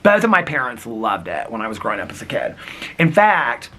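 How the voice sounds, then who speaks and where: Giggly and rambling, he keeps up his animated, casual vlog storytelling outside while wind and snow blow around him. The voice is husky and crackly, pitched mid-range, with a brisk pace.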